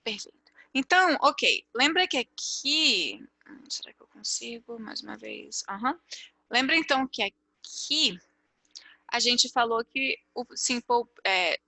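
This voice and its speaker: A woman's voice: on the high side, very animated, a little slow, gravelly, sharp tone, no room sound. A Brazilian woman teaching English grammar in an online lesson, explaining step by step and often checking with "ok?". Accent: Brazilian Portuguese.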